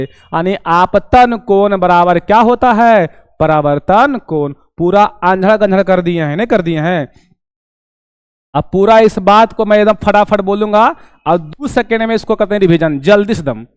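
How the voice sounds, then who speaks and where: A young man teaching an online class, animated and acting out his students' questions. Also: high-pitched, clear, resonant tone, no echo, clean studio sound.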